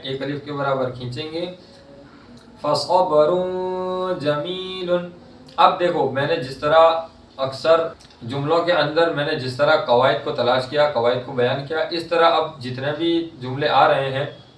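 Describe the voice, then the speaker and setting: A male Quran reading teacher, explaining the rules and reciting each word slowly and drawn out. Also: fairly high pitch. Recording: roomy echo, mic at a distance.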